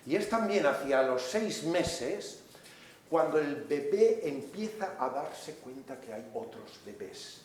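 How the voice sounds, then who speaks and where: A man's voice: fairly high pitch, expressive, slow, darkish tone, slight background noise. A man giving a seminar lecture in a large hall. He explains step by step, often checks in with the audience, and briefly acts out the voices he quotes. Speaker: seminar speaker and author. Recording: very echoey hall recording.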